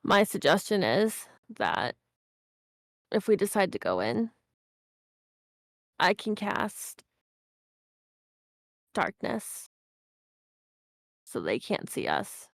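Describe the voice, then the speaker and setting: A woman playing a tabletop game, speaking in a measured, formal way. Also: on the low side, wildly swooping pitch, gravelly, no room sound, clean studio sound. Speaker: player. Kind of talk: casual tabletop game play.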